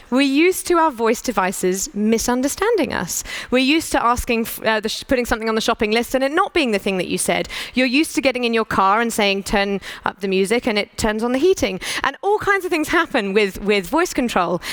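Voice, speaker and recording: A British woman giving a conference talk, brisk and persuasive, asking the audience rhetorical questions. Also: on the high side, a bit bright, no room sound. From United Kingdom. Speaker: conference speaker.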